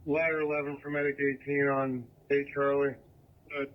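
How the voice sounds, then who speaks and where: A man's voice: medium pitch, completely flat delivery, normal speed. Man calling orders over a scanner radio. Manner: clipped, businesslike radio calls. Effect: heard over a two-way scanner radio. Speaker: fire incident commander. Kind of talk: emergency radio traffic. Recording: muffled scanner radio transmission.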